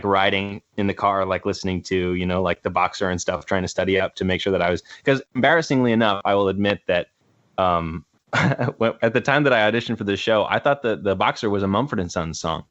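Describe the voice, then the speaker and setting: A young man with a very low voice, telling his story at length with plenty of ums and restarts. The sound is a little dull and close, with no room echo at all. He talks like a relaxed podcast guest. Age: 20s. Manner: rambling, lots of fillers and restarts. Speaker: guest, actor and musician. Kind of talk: casual interview chat. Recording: slightly dull, dry sound.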